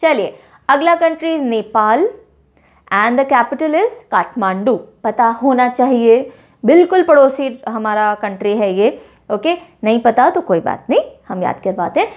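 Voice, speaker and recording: A young female teacher with a high, bright voice leads a lively mnemonic lesson at a measured pace, mixing Hindi and English. She playfully acts out little scenes to make facts stick, and the recording's highs are cut off.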